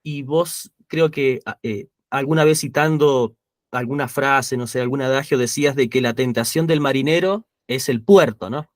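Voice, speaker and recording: A man's voice: mid-range voice, normal speed, no echo, clean studio sound. A man hosting a philosophical conversation, musing aloud and often agreeing briefly. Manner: agreeable, musing, frequent short assents.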